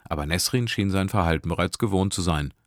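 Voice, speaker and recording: A man reads a first-person story in a very low voice. His delivery is even and steady. The sound is dry and close, with no room in it. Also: brisk, dry recording. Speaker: narrator. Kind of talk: first-person audiobook narration.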